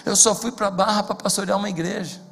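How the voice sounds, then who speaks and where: Impassioned pastor in echoing hall. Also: male voice, high-pitched, fairly even intonation, quick pace, vocal fry. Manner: impassioned, builds to shouting. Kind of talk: sermon. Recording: long hall reverb with faint music.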